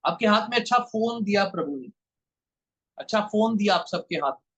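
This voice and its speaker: A pastor delivers his sermon in an unusually high, bright and forceful voice. He preaches with fervour, repeating his phrases and throwing rhetorical questions at the congregation. He sounds like a man speaking from a church pulpit. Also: lively intonation, normal speed, husky, rough recording.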